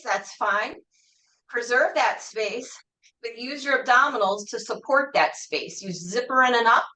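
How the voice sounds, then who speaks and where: A woman with a high, bright voice leads a Pilates class. She cues each movement and breath in a calm, encouraging way, often checking in with gentle questions. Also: low-quality recording. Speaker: Pilates instructor. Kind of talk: guided exercise class cueing.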